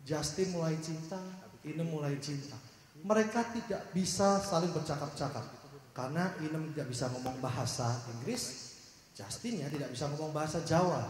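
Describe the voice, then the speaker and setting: A man preaching a sermon, telling a story and acting out its characters, then asking his audience questions. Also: on the high side. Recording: echoey hall.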